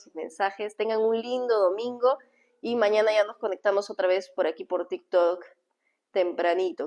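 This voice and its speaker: Expressive woman coaching on speech. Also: mid-range voice, muffled recording. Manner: expressive, varies tone and pace to demonstrate, addresses viewers directly. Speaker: image consultant and communication coach. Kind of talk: live-stream lesson on public speaking. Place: indoors, streaming live from home.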